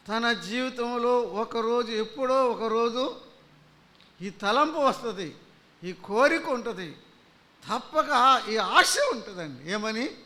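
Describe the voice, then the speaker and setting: Impassioned high-voiced man preaching. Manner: impassioned, swinging from loud pleas to hushed storytelling. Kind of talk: gospel sermon.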